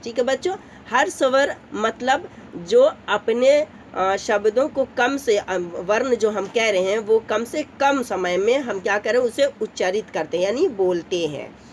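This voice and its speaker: A woman's voice: medium pitch, a little hiss or hum. A woman teacher giving a grammar lesson to children, explaining patiently, often checking in with the class and drawing out vowel sounds to demonstrate them. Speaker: school teacher.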